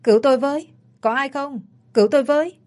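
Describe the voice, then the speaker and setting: A woman's voice: medium pitch, normal speed, darkish tone, lightly acted. A woman voicing a frightened young woman who pleads and cries out for help. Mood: terrified. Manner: pleading, crying out.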